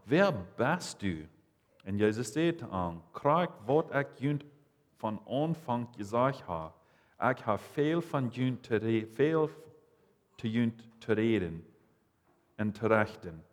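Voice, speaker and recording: A man reading Bible passages and commenting, halting and restarting as he goes. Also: medium pitch, expressive. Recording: long reverb, hall.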